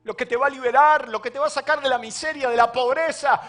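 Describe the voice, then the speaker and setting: A very high-voiced male pastor preaches a sermon. He acts out the people in the story, swinging between loud bursts and quiet lines. Soft music plays faintly beneath him. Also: fast talker.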